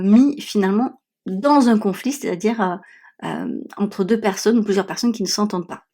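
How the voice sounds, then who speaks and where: An adult woman with children hosts a solo podcast, talking reflectively in a warm, mid-range voice. A sore throat, swollen tonsils and a blocked nose leave her voice small, congested and slightly nasal, recorded on a podcast mic she just bought.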